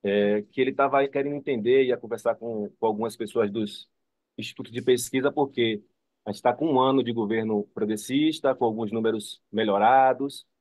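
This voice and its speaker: A man from Salvador, Bahia, Brazil, a psychoanalysis student, speaks Portuguese with a Bahian accent in a mid-range, slightly mellow voice. His intonation is fairly even and his pace a little fast, recorded dry, as he makes a rambling, informal comment as an online seminar participant.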